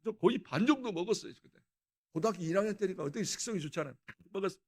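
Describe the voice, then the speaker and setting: A male pastor with a notably high-pitched voice tells a personal testimony during a dawn prayer service. He preaches in an animated, storytelling way, often breaking into laughter. The sound is that of a church sanctuary. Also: rapid-fire.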